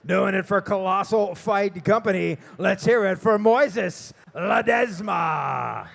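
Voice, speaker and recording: A male ring announcer with a high-pitched voice. He sounds like a bright event host at a live fight night, calling out fighters in a formal announcing style with stretched-out shouts. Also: gravelly. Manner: bright event host, drawn-out calls of names.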